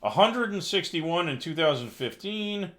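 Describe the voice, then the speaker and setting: A man's voice: high voice, animated, unhurried, a bit bright. A man hosting a casual live news commentary stream, reading headlines aloud and cutting in with sarcastic, exasperated asides. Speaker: livestream news commentary host.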